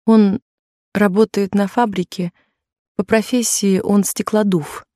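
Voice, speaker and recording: A woman's voice: medium pitch, steady tone, takes it slowly, warm tone, no room sound, studio quality, natural voice. A woman voicing a timid young working-class maid who pleads and refuses in a raised, tearful voice. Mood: pleading.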